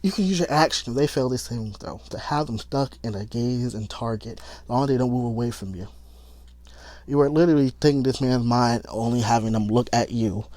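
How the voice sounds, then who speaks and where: A man commenting on a tabletop game, reading rules aloud in a rushed, stumbling way and arguing his point. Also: mid-range voice, a little mellow, dry recording. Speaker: YouTube commentator.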